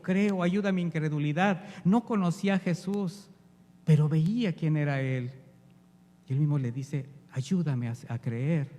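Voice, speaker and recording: A man preaching a sermon, swinging between loud exhortation and hushed appeals to his congregation. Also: on the high side. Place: church hall. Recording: long reverb of a church hall.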